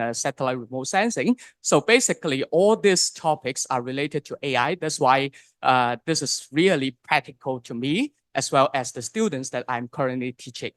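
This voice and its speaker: A man's voice: medium pitch, a bit bright, dry recording, clean studio sound. Earnest man with many fillers. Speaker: mathematics lecturer. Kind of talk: panel self-introduction.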